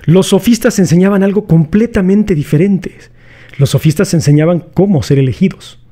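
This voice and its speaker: A man's voice: high voice, normal speed, warm tone. A man with a Mexican accent hosting a casual philosophy lesson, talking in a chatty, slangy way and putting rhetorical questions to his viewers. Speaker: philosophy video host. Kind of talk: casual explanatory lecture.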